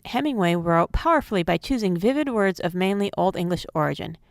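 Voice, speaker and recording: A woman giving a scripted phonics lesson, speaking in a clear, measured teaching manner. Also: lowish voice, expressive, no echo, clean studio sound. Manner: clear, measured instructional delivery.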